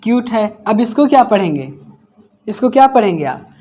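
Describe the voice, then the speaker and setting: A man's voice: sits high, sing-song, warm tone. A man teaching English grammar in a class, asking each question and then repeating the answer himself. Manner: explains slowly, step by step. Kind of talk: classroom lesson.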